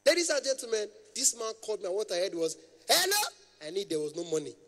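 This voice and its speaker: Stand-up: young Nigerian man, event MC, playful and formal, slightly high voice. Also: rapid-fire, big-room sound. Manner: playful, flattering, addresses the audience formally. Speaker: comedian and MC.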